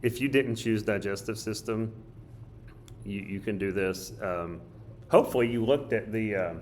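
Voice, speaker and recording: A male teacher with a hoarse, choked-up voice, casually thinking aloud as he walks through a study guide. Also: fairly low pitch, normal speed, slight background noise. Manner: casual, thinks aloud while drawing and writing. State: hoarse, coughing. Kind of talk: recorded study guide walkthrough.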